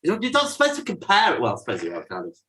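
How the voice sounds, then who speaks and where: A man's voice: on the high side, huge pitch swings, racing, sharp tone, slight background noise, low-quality recording. A man co-hosting a podcast in casual chat, teasing his co-host and running the scoring. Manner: teasing, bantering, runs the scoring.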